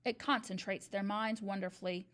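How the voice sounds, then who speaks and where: A woman's voice: medium pitch, fairly even intonation, normal speed, natural voice. A woman voicing a huge, furious, bullying headmistress who barks and snaps at children. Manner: loud, barking, snapping.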